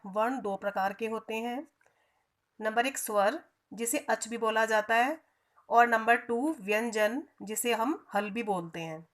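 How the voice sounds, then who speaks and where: High-voiced woman teaching grammar to kids. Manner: asks questions and answers them herself, addressing the children; stretches out vowel sounds to demonstrate. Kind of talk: online Hindi grammar lesson.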